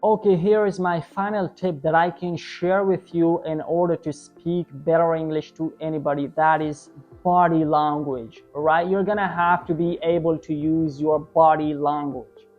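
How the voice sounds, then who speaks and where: A woman's voice: low-pitched, fairly even intonation, normal speed, muffled recording, soft background music. A woman teaching an online English lesson, explaining tips and often checking in with "right?". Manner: tags many sentences with "right?"; coaching, repetitive explanation.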